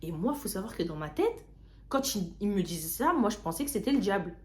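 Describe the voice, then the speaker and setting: A young woman vlogger casually telling a story, slangy and lively, often repeating words. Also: medium pitch, brisk, a little hiss or hum. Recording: roomy echo.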